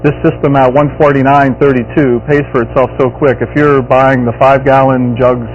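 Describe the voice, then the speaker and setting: A man's voice: mid-range voice, flat delivery, brisk, faint music behind. A middle-aged man giving a conversational product explanation as a guest expert on a shopping show. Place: TV studio kitchen set. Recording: lo-fi TV audio, faint hum.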